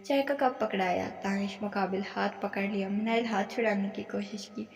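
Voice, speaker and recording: Gravelly woman narrating a story. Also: mid-range voice, fairly even intonation, faint music behind. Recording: echoey room with long reverb.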